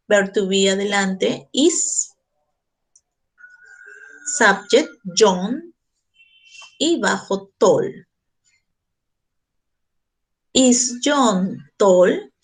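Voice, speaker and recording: A woman English teacher giving a classroom grammar lesson, walking through each step slowly and deliberately. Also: mid-range voice, rough recording.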